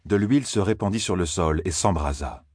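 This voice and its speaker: A male audiobook narrator reading a fantasy tale at a measured pace. His voice is very deep with a husky edge, and the recording is dry and close. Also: expressive, a little mellow, no echo. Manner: measured storytelling.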